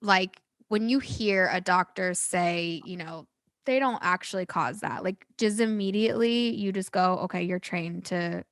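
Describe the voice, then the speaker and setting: A woman's voice: lowish voice, gravelly, no room sound, clean studio sound. A woman talking casually and emphatically on a podcast, outspoken and often punctuating her talk with "like". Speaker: podcast host.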